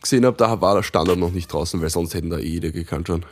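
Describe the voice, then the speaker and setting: Young male co-host, low voice, relaxed, halting delivery. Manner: relaxed, hesitant with many fillers and restarts. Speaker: podcast co-host. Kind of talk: casual chat.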